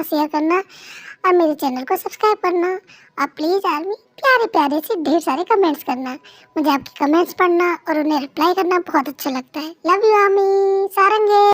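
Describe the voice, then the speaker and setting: A woman with a cold opens her channel in a friendly, chatty way. Her voice sits very high, and the cold is audible in it. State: has a cold. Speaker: channel host. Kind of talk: casual intro.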